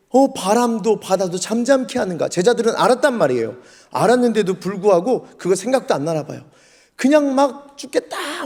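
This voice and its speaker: A male pastor preaching a sermon in a church, telling the story vividly and acting out the scenes. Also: sits high. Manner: lively storytelling, acts out scenes. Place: church sanctuary. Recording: long church hall reverb.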